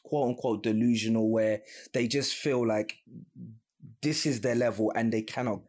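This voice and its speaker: A man in the interviewer's seat, his pitch sitting in an ordinary middle range. He builds each question slowly, backing up and rephrasing before he gets to the point. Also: steady tone, darkish tone. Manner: long, meandering questions with restarts.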